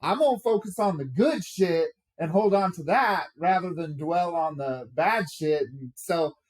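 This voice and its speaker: A man's voice: a little high, expressive, a little slow. A man hosting a podcast in a casual, upbeat and agreeable way, asking questions. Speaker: podcast host.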